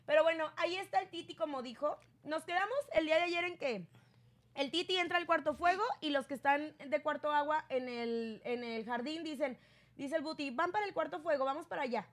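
A woman hosting a casual gossip commentary, chatty and acting out quotes. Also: moderate pace. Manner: chatty, acts out quotes with raised pitch. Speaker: gossip show host.

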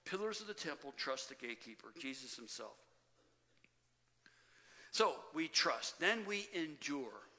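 A man's voice: fairly high pitch, sing-song, pushed and bright. A man preaching a sermon as pastor, speaking emphatically to his congregation and often calling them loved ones. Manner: emphatic preaching, rising and falling with pauses. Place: church sanctuary. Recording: church hall reverb.

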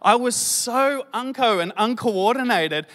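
Bright-voiced Australian pastor in a big hall. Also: male voice, extremely high pitch, expressive, measured pace. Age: late 30s. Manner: conversational preaching with self-deprecating humor. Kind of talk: sermon.

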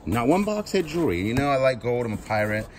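With a mid-range, sing-song voice and a quick pace, this storage auction vlogger talks to viewers as he unboxes shoes beside a cardboard box outside. The first-person handheld camera picks up heavy outdoor background noise.

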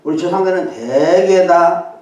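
A man's voice: sits high, a little slow, mellow. Older man preaching in an echoey church. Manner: conversational, with frequent affirming interjections. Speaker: guest preacher. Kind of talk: sermon. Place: church sanctuary. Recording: very echoey hall, voice from far off.

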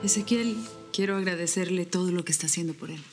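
A woman's voice: lowish voice, fast talker, over loud music, close to an everyday voice. An actress playing an earnest woman who urges and protects a freed prisoner in a telenovela. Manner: earnest, urging. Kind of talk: telenovela acting.

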